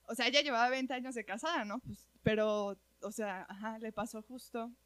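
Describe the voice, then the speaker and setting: Woman, Mexican accent, casual chat, animated and slangy, fairly high voice, dry close sound. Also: normal speed, clear, resonant tone, no room sound. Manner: animated, slangy, often says "güey". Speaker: storyteller.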